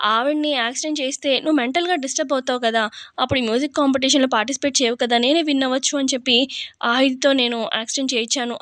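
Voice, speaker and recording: Fast-talking woman recapping a serial. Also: high voice, fairly bright tone, dry recording. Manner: rapid storytelling with filler phrases. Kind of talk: casual episode retelling.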